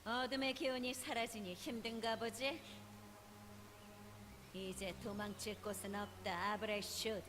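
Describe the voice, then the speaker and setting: A woman's voice: fairly high pitch, steady tone, rapid-fire, long pauses, noisy background, natural voice. A woman voicing a haughty, taunting queen in a villain-like monologue for a video game.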